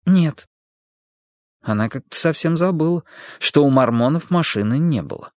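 A man narrating an audiobook in a lively, expressive reading. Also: a little high, a little fast, no room sound, clean studio sound.

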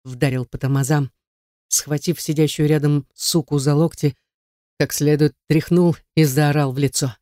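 Man with a dark, mellow narrating voice. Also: on the high side, fairly even intonation, moderate pace, dry recording, clean studio sound. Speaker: audiobook narrator. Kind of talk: first-person novel narration.

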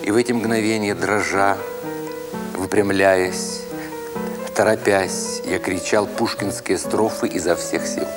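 Over background music, a man with a low voice reads a first-person literary story as a dramatic narrator, his phrasing expressive and deliberate.

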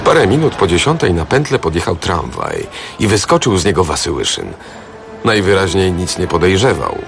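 A man reading a novel aloud on radio, expressive and acting out the characters. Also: low-pitched, creaky. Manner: expressive, acts out each character. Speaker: reader. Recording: radio studio with faint music.

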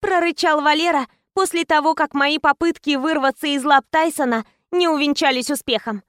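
High-voiced woman reading a tense story. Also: normal speed, a bit bright, dry recording, studio quality. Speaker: narrator. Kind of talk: scripted audiobook narration.

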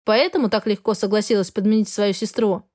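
Woman reading an arrogant male dragon, cold, flat, indifferent, storybook voice. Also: mid-range voice, fairly quick, lightly acted.

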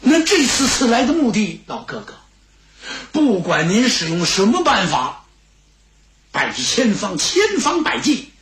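Bold young warrior, earnest and forceful, lively pitch, voiced by a male storyteller. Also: measured pace, echoey room, slight background noise, exaggerated voice. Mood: pleading.

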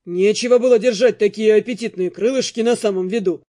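A woman's voice: medium pitch, a little fast, warm tone, pitched below the performer's own voice, lightly acted. A woman voicing a cheeky young male mercenary who jokes in a mock-sensible tone. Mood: mock-serious.

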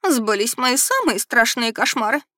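Woman playing a fussy noble mom, whiny and reproachful, higher voice, dry sound. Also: very animated, moderate pace, pushed and bright, no room sound, heavily acted. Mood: pleading. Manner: pleading and reproachful. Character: fussy middle-aged noble mother, tearful.

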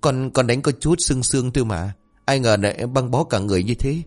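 A man voicing a loud, brash old mother-in-law who scolds and curses. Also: mid-range voice, a little fast, soft background music, pitched above the performer's own voice, lightly acted. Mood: dismayed. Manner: shouting curses.

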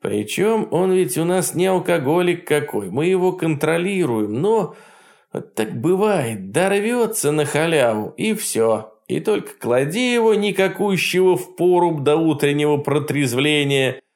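A male audiobook narrator reading a first-person tale with a dry, wry humor. His voice sits a little high and moves with very lively rises and falls, keeping the storytelling animated. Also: unhurried.

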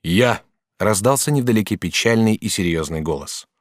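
A man narrating an audiobook novel with expressive storytelling. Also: lowish voice, brisk, no room sound, clean studio sound. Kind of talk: scripted narration.

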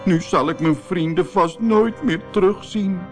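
A man voicing a boastful, reckless male toad in a children's storybook, excitable and prone to wailing. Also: lowish voice, unhurried, music in the background, voice pushed down.

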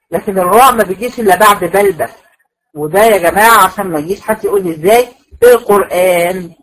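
A woman's voice: medium pitch, husky, low-quality recording. A woman with an Egyptian accent teaching Quran recitation rules in a classroom lecture, patiently repeating points and checking that students follow. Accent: Egyptian Arabic.

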